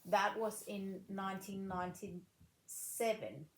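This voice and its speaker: A woman in her late thirties, a former rifle shooter from Denmark, answering interview questions in a measured, unhurried way with pauses between phrases. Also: mid-range voice, fairly even intonation, slight background noise. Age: 30s. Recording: echoey room.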